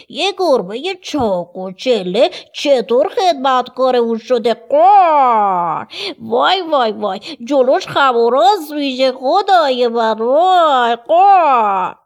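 Brief: woman playing a drawling, cawing storybook crow, lower than her other voices. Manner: drawn-out caws, slow and loud. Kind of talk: children's storybook reading.

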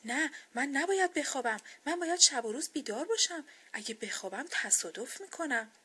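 A woman's voice: high voice, expressive, pushed and bright, voice pushed up. A woman voicing a toy truck driver in a children's storybook, firm and emphatic. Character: toy truck driver, determined to stay awake.

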